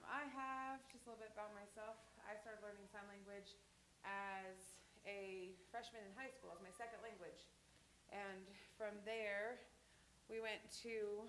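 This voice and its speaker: A woman in her thirties with a mid-range, fairly bright voice teaches a sign language class in a church hall, chatting and rambling through anecdotes with restarts. The church room sounds echoey, with a little hiss or hum.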